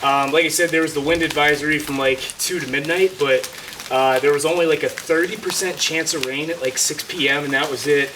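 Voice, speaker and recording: A man with a voice on the high side tells a rambling, filler-heavy hiking story for his vlog, speaking briskly with fairly even intonation. He's ducked into a shallow woodland cave to escape a thunderstorm, so his words echo off the stone while heavy rain roars loudly around the distant mic.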